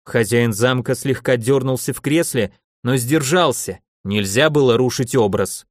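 A man reading a fantasy story aloud with wry, even storytelling. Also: medium pitch, measured pace, no echo, clean studio sound. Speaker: narrator. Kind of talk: audiobook fantasy narration.

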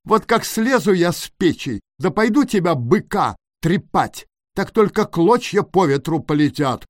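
Boastful storybook fox, played by a man: sly, mocking, loud threats. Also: high voice, very animated, measured pace, no echo, studio quality, voice pushed up, full character voice. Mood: mocking threatening.

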